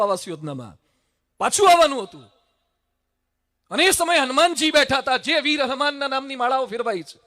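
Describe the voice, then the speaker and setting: A man giving a dramatic stage speech full of stories, swinging from loud to hushed. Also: extremely high pitch. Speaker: public speaker. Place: stage at a public event.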